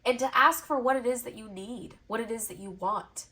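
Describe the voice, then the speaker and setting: Her nose stuffed up, a female tarot reader addresses the camera with a pick-a-card spread, encouraging and soft, stringing repeated phrases into smooth lists. The pitch is slightly high and the pace moderate.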